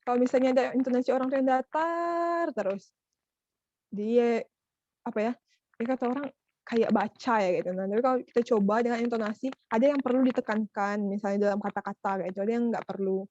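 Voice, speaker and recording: A woman's voice: on the high side, fairly quick, darkish tone, no echo. A young woman giving an online workshop talk as a trainer, chatty, calling her listeners "Dek". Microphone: video call. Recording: muffled video call audio.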